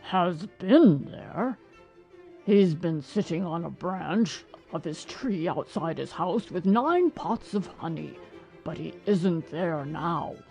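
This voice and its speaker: A man voicing a pompous, long-winded old male owl who talks slowly and grandly. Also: fairly high pitch, expressive, gravelly, dark tone, soft background music, voice pushed up, exaggerated voice.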